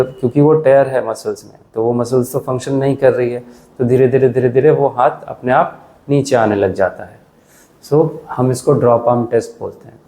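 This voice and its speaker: A physiotherapist who explains shoulder tests patiently and counts exercise reps aloud. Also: male voice, mid-range voice, creaky, dark tone. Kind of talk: health explainer lesson.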